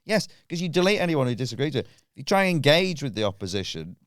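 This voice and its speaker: A man's voice: mid-range voice, very animated, fast talker, a bit bright, dry recording, clean studio sound. A man chatting casually on a podcast as a guest comedian, swearing freely and laughing often.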